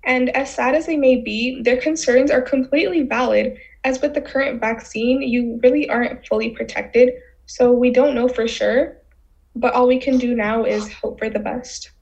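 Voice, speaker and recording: A woman's voice: on the high side, steady tone, moderate pace, vocal fry, a little mellow, highs cut off. A fourteen-year-old girl, born in Bangladesh and raised in New York City, talking earnestly about her own school life. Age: teens. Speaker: student guest. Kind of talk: personal testimony.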